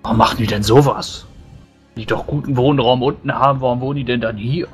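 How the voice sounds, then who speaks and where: A man's voice: mid-range voice, a little fast, close to an everyday voice. A grumbling male dwarf in a tabletop game, voiced by a man. He mutters fretfully and disapproves of how humans build. Faint music plays behind him. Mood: curious, appalled. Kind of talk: in-character tabletop role-play.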